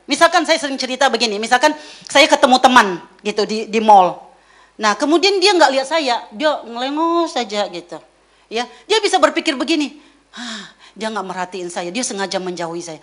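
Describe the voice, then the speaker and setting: High-voiced woman giving a lively church talk. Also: fairly quick. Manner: lively, acts out quoted voices, mixes in English words. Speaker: speaker at a church meeting.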